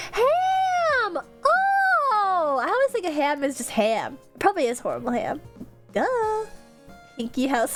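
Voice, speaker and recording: A young woman streamer with a stuffed-up nose, chatting and giggling as she reads fan messages. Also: sits high. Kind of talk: casual live-stream chat.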